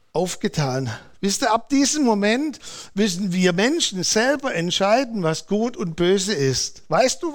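A middle-aged male pastor preaching a sermon in a lively, conversational way, acting out short quotes. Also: sits high.

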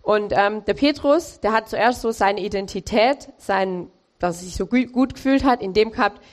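A woman's voice: mid-range voice, moderate pace. A woman preacher giving a casual, informal sermon, talking in slangy phrases with many fillers.

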